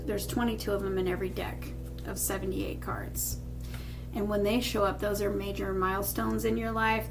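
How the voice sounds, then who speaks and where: A woman's voice: medium pitch, a little hiss or hum, poor audio. A woman giving a tarot reading straight to the viewer, speaking in a reassuring, emphatic way with repeated phrases. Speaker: tarot reader.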